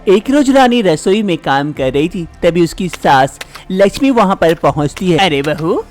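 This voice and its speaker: Woman narrating an animated drama. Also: on the low side, moderate pace, soft background music. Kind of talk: storytelling narration.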